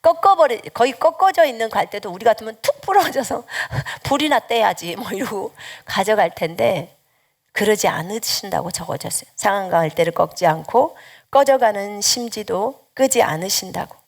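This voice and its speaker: A middle-aged woman missionary preaches a sermon with a gravelly, slightly rough voice. She tells a personal testimony in a lively way, acting out the conversations and laughing now and then. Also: mid-range voice, moderate pace. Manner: animated storytelling, acting out dialogue with laughter.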